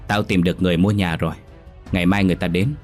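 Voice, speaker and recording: A drunken, sneering husband, played by the narrator taunts his wife with cold contempt. His voice is very low and deep, with faint music under this audio ghost story. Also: fairly even intonation, racing, darkish tone, natural voice. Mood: threatening.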